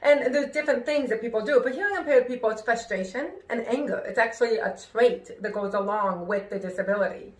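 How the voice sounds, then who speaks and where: A woman's voice: a little high, a little fast, hardly any pauses. A woman with hearing-impaired speech whose r sounds drift toward w, speaking expressively and with careful pronunciation in a personal, conversational talk. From New York, United States. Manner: careful pronunciation with worked-on inflection; expressive, emphatic. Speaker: singer and show host. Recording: echoey room.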